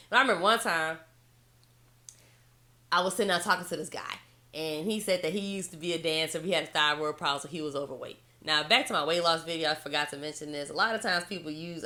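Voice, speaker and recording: Brief: young woman vlogger, bright voice, animated storyteller who jumps high to quote herself. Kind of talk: casual storytelling to camera.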